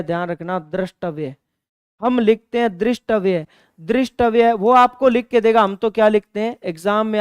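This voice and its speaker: A male teacher gives an online exam-prep grammar lesson. His voice sounds smooth and resonant, with dry close-mic sound and no room echo. He poses questions, answers them himself, and repeats key words for emphasis. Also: sits high.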